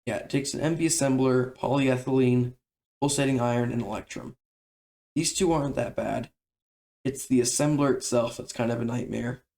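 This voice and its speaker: Gravelly-voiced man explaining a game. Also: mid-range voice. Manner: relaxed, conversational explaining. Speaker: game tutorial creator. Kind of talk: casual game tutorial voice-over.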